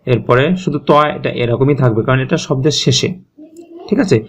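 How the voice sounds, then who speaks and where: Male recitation teacher, mid pitch, calm and repetitive, slightly muffled lo-fi recording. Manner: patient, repeats sounds slowly, checks in with "okay?". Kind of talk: step-by-step tajweed lesson.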